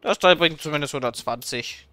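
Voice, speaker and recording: A man's voice: on the high side, brisk, pushed and bright. A man giving casual, playful and wry gameplay commentary as a streamer.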